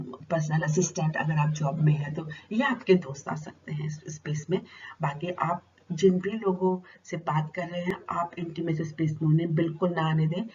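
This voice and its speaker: A woman's voice: fairly low pitch, a little mellow. Lady teaching a class, asks a question then answers it, sounds a bit far off and muffled. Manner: asks rhetorical questions and answers them herself. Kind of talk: explanatory lecture. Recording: dull, slightly distant recording with faint noise.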